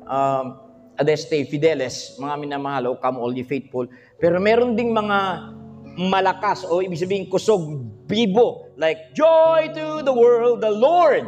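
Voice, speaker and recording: A high-pitched Filipino man preaches on a livestream in an animated way. He keeps asking his listeners questions and breaks into bits of song. His voice carries a long hall reverb with faint music underneath. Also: measured pace, highs cut off. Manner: animated, audience questions, bursts of singing. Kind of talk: livestream sermon.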